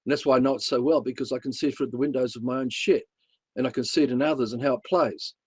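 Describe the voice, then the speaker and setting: A man's voice: fast, breathy edge, no echo. Emphatic Australian man telling a story. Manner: emphatic, blunt, swearing, swings between excited highs and hushed lows. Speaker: show host. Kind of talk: personal storytelling and spiritual talk.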